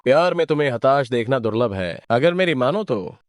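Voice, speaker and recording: A man's voice: medium pitch, a little fast, no echo, studio quality, close to an everyday voice. A man voicing a teasing young male friend in a dubbed drama, playful and mocking. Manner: teasing, lively.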